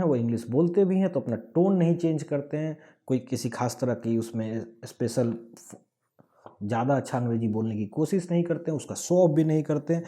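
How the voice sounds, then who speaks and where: A man's voice: on the high side, warm tone. A man from Bihar with a Bihari accent, giving an earnest explanatory talk point by point. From Bihar, India. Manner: earnest, points listed one by one. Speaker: speaker of a language-awareness movement.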